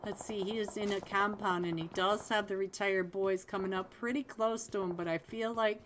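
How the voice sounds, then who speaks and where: A woman calling a mobile esports match alone, chatty and upbeat, with bursts of excitement at big plays, and losing her voice. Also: medium pitch, moderate pace, a little hiss or hum. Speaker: esports caster. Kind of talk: solo live game commentary.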